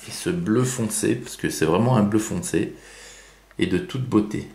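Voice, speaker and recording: A man's voice: lowish voice, moderate pace, creaky, a little mellow, roomy sound. A man giving casual unboxing commentary on toy cars, chatty, with many fillers and self-corrections.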